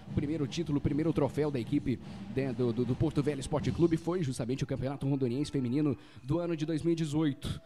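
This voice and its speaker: A man's voice: a little high, background noise. A Brazilian man giving live football play-by-play in a chatty way, often repeating phrases. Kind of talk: live match commentary.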